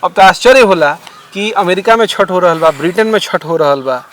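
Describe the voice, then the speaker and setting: A man's voice: high voice, animated, brisk, fairly bright tone. A man with a Bhojpuri accent hosting a podcast, asking long conversational questions. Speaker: podcast host. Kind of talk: interview questions.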